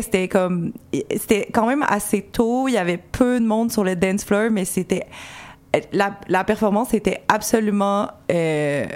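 A woman's voice: mid-range voice, darkish tone. Woman hosting live radio. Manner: hesitant, many "euh" fillers, laughs easily. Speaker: radio host. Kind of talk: live campus radio chat. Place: radio studio.

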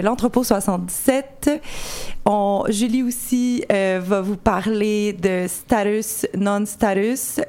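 A woman's voice: mid-range voice, darkish tone, clean tone. Woman hosting live radio. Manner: hesitant, many "euh" fillers, laughs easily. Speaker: radio host. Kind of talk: live campus radio chat. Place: radio studio.

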